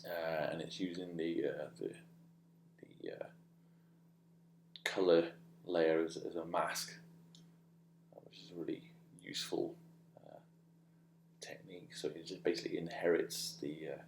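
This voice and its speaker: A man giving a casual, unscripted voice-over demo as a digital artist, speaking in a halting, musing way. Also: low voice, level tone, vocal fry, echoey room, slight background noise. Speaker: digital artist demonstrating own work.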